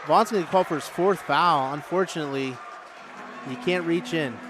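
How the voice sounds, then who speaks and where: A man doing casual, jokey play-by-play for a high school basketball game, chatting with listeners between calls. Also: normal speed, crowd noise. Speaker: play-by-play announcer. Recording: noisy gym broadcast.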